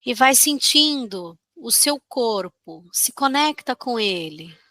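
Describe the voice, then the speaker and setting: Brazilian female meditation guide: soothing delivery, higher-pitched and clearly bright, gentle instructions with generous pauses. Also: expressive, no room sound.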